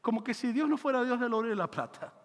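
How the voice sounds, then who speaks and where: A man pastor preaching a lively, joking sermon into a handheld microphone in a church auditorium. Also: very high-pitched, quick pace, in a large hall.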